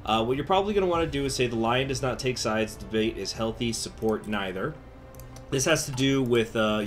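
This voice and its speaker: Low-voiced man talking through a mask. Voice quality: speaking through a face mask. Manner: chatty, informal explaining. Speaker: gaming video host. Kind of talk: strategy game tutorial commentary. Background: music.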